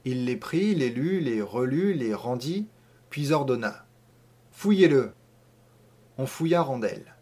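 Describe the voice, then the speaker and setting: A man reading a classic short story aloud in a measured, even narrating voice. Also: medium pitch.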